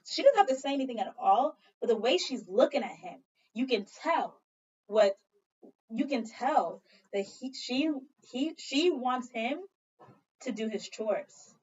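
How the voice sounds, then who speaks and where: A woman teacher reading a picture book aloud to young children, expressive and pausing to ask them questions. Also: a little high, breathy edge. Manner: expressive, animated storybook reading with questions to pupils. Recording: dull, distant lo-fi recording.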